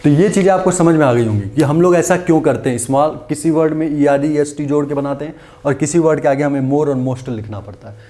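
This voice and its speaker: Man teaching grammar, mellow. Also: fairly high pitch, quick pace, few pauses. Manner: repetitive, asks and answers his own questions. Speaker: English teacher. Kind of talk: exam-prep grammar lesson. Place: classroom-style video lesson.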